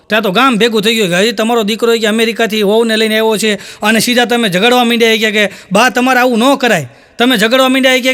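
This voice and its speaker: Man, stand-up comedian, rural Saurashtra Gujarati accent, very high voice, bright ringing tone, raised voices for quoted characters. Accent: Gujarati, Saurashtra rural dialect. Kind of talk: live stand-up joke telling.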